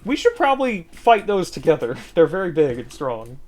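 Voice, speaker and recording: Brief: excitable co-op game streamer, mid-pitched, playful, prone to sudden yelling. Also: moderate pace. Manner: excitable, playful, bursts into shouting. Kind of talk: casual gaming chat.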